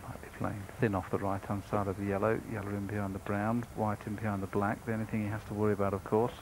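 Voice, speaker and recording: A man's voice: fairly low pitch, level tone, quick pace. Male snooker commentator over noisy broadcast sound.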